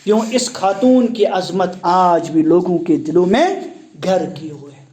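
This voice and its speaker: A male teacher lectures a class in a high, lively voice. He keeps asking students questions and repeats the key words back to them. He defines terms as he goes and slips in English words. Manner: explains word meanings, mixing in English terms. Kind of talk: classroom lecture explaining a text.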